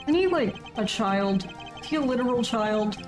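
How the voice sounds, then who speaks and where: A woman's voice: fairly high pitch, expressive, normal speed, over music. A woman streaming a game live, joking casually and reading its lines aloud in a plain voice.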